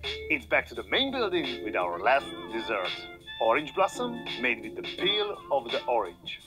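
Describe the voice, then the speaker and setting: A man reading a scripted restaurant review, measured and upbeat. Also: mid-range voice, huge pitch swings, poor audio. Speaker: food video narrator. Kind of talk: scripted narration. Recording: voice-over with music underneath. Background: background music.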